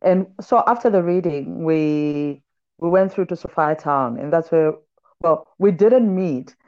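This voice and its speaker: A woman writer who is a podcast guest, chatting in a lively storytelling way and reading aloud from her book. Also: low voice, measured pace, muffled recording.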